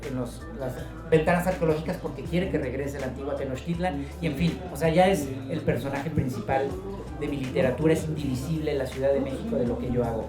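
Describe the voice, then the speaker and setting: A man from Guadalajara with a Mexican accent, an author talking about his work in a relaxed, joking way at a book presentation. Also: medium pitch, a little fast, echoey room, distant mic, over music. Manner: relaxed, storytelling, joking asides. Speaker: author being interviewed.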